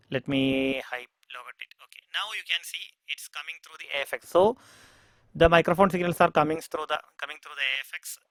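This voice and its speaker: A man's voice: on the high side, fairly bright tone, dry recording. Indian English man testing a studio mic. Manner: talks through steps with frequent mic checks and fillers. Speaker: audio tutorial presenter. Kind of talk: screen-recorded software tutorial. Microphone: studio microphone.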